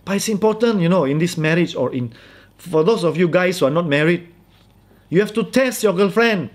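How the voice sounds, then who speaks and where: A man preaching in a casual, conversational style with a Malaysian English accent, emphatic and animated. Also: high-pitched, fairly quick. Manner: animated, emphatic, acts out quoted voices. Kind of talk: conversational sermon.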